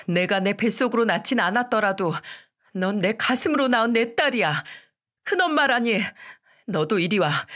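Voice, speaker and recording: A stern mother scolding her children, as a woman storyteller acts her out. Her delivery is firm and forceful, with a lively pitch that swings widely. It comes from a storybook radio telling.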